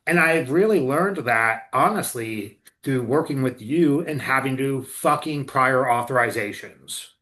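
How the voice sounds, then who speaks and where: A man's voice: medium pitch, lively intonation, a little slow, hardly any pauses, bright, forceful tone. A man hosting a casual podcast conversation, blunt and swearing freely about the system. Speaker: co-owner and clinical director, host.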